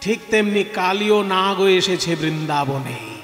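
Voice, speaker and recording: Male kirtan preacher, very high and lively voice, long hall reverb, soft music underneath. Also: unhurried. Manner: explains by asking listeners questions, repeating words for effect. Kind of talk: devotional kirtan discourse.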